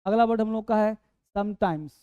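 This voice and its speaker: A man's voice: high voice, normal speed, mellow, clean tone, no room sound, highs cut off. A male teacher giving a spoken English lesson, calling students "beta" and drilling each word with repetition. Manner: calls listeners 'beta', drills words with repetition.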